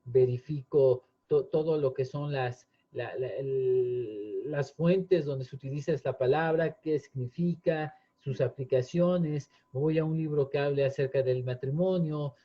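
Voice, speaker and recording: A man's voice: medium pitch, a little slow, hardly any pauses. A man, earnestly explaining in casual chat, often restarting with fillers. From Mexico. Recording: dull lo-fi sound.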